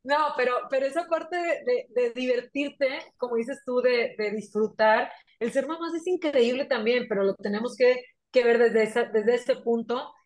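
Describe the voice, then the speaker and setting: Brief: middle-aged Mexican-accented woman, animated storyteller, fairly high pitch. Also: moderate pace, hardly any pauses. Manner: animated, acts out quoted voices. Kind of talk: casual chat.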